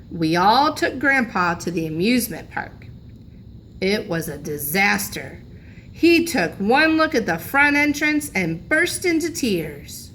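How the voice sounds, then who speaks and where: A woman with a bright, forceful mid-range voice reads a children's storybook aloud like a teacher. She's expressive and lingers on key phrases for emphasis, with slight background noise behind her.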